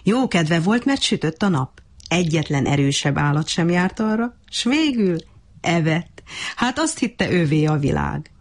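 Low, gravelly woman telling a story. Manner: expressive, lively reading. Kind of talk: storybook narration.

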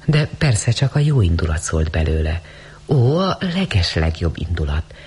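A man reads a story aloud with expressive, dramatic storytelling. His voice is breathy and husky, and his pitch moves in a lively, animated way. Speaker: narrator. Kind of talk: audiobook story reading.

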